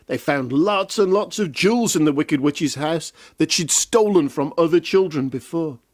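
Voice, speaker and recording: A man's voice: a little high, normal speed, no room sound, clean studio sound. A man reading a children's fairy tale aloud in a playful way with jokey asides. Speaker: storyteller.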